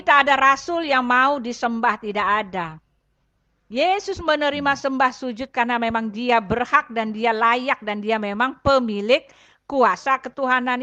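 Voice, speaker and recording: In a muffled recording, a church elder with a high-pitched, pushed, bright voice gives her testimony. She chats her way through scripture in a relaxed manner, thinking aloud as she hunts for Bible passages.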